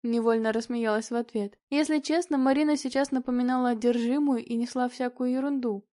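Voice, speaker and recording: A woman narrating a novel in the first person, in a steady, expressive reading. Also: on the high side, a little fast. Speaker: audiobook narrator.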